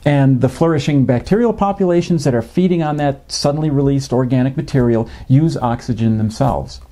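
Dark-voiced middle-aged man explaining calmly. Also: medium pitch. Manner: measured, explanatory, with frequent uh fillers. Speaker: fishing educator. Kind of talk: educational narration. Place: home office with a desktop computer.

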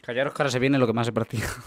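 A young man with a Spain Spanish accent, streaming a speedrun and talking to chat in nervous, swearing chatter, with bursts of frantic yelling. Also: mid-range voice, steady tone, racing. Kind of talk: live speedrun commentary. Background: game music.

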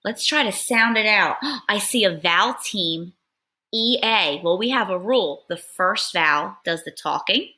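A woman's voice: medium pitch, animated, a little slow, sharp tone. A young woman teacher reading a picture book aloud in a patient, step-by-step lesson, sounding out words.

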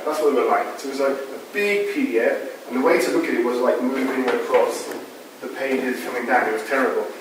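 Heard from far off in an echoey lecture hall, a middle-aged man delivers an informal conference talk, fielding audience questions and leaning on lots of fillers. His voice sits mid-range with a fairly bright tone. With no microphone on him, a distant room mic picks up the sound along with slight hiss or hum.

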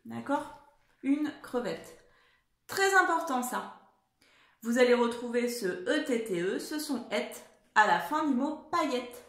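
Taking her time, a woman teacher spells out words letter by letter for young children during a dictation lesson. Her high, fairly bright voice has lively intonation, and the room is echoey.

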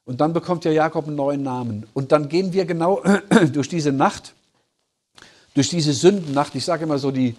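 A man with a somewhat raised, husky voice teaches scripture in a sermon. He speaks earnestly and explains step by step, pausing to check in with his listeners. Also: fairly high pitch, a little mellow. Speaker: Bible teacher. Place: conference hall.

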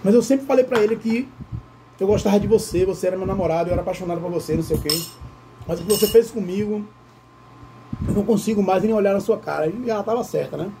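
Gravelly-voiced vlogger. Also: male voice, high-pitched, quick pace, background noise. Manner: animated, addresses viewers as "gente". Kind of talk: casual storytelling during a mukbang.

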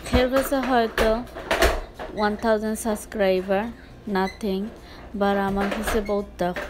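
A woman's voice: mid-range voice, fairly even intonation, unhurried, very noisy. A young woman from Sylhet with a Sylheti Bengali accent, talking frankly to her viewers in a casual vlog, mixing in English words. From Sylhet, Bangladesh. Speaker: vlogger. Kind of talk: casual talk to camera.

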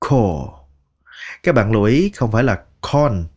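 A man with a Vietnamese accent gives a patient English lesson and says each word of a phrase one by one. He speaks slowly. His voice sits a little low. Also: lively intonation, a little mellow. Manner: slow, patient, repeats words one by one. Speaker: English teacher. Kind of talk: language lesson narration.

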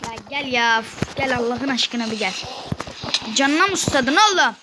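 Bossy high-voiced mother gaming. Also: lively intonation. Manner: bossy, hurried, calls out orders. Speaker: mother playing a game with her son. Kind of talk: casual gameplay chat. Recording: noisy home recording.

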